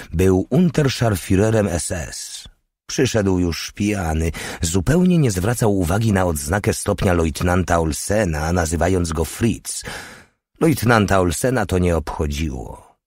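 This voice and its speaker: Audiobook narrator, male, low and slow, measured delivery, dry sound. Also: a little mellow, breathy edge, dry recording. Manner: measured, unhurried reading. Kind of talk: scripted narration.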